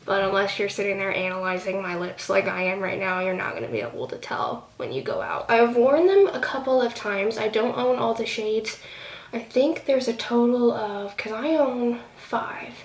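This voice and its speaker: This beauty vlogger, a young woman with a cold-induced nasal tone, rambles casually through a product review with many fillers. Her mid-range voice has lively intonation at a normal speed. She's off-mic in an echoey space with light hiss.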